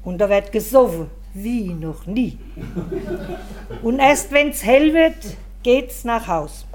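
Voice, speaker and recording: A woman delivering a rhymed comic monologue in a wry, deliberate way. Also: a little high, lively intonation. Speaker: comedian. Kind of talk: rhymed comic monologue about her husband.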